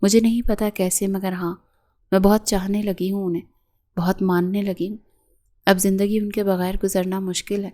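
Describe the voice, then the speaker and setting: Woman voicing an anxious young wife, soft, pleading, lovesick, audio storybook. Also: medium pitch, level tone, lightly acted. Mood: shy.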